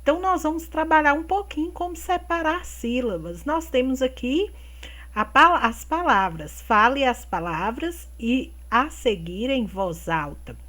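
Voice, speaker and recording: A woman teacher giving a remote lesson to young children, speaking slowly and clearly, stretching out words and checking in with tag questions. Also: high voice, animated, a bit bright. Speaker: primary school teacher.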